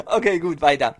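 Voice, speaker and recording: A man with an extremely high, gravelly and slightly rough voice hosts a casual podcast from a small home studio, with no room sound. He keeps things jokey and self-mocking, and his distance from the home mic changes occasionally.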